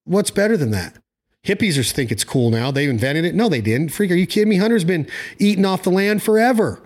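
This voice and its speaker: Guy rambling on casually, kinda high voice, blunt and emphatic, bit of slang. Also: animated, fairly quick. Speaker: hunting show host. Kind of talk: casual opinionated chat.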